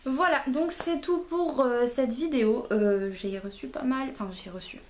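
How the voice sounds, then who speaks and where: A woman's voice: high-pitched, normal speed, darkish tone. A young woman from France casually presenting her book and magazine haul, with many hesitations and restarts. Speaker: book vlogger. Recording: faint background noise.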